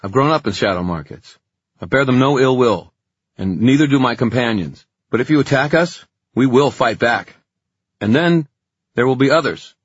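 Defiant street-smart teen boy, guy reading him, higher voice, husky, dry. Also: no echo, lo-fi sound.

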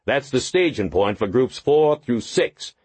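A man's voice: medium pitch, animated, a little slow, darkish tone, slightly rough, no echo, pitched above the performer's own voice. A man doing a coarse, bossy police lieutenant. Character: blunt, overweight male police lieutenant.

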